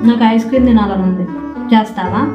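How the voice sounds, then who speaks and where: A woman's voice: mid-range voice, fairly even intonation, fast talker. A young woman plays a daughter in a scripted family skit, talking back in a whiny way. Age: young adult. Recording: roomy, dull home recording with clear music.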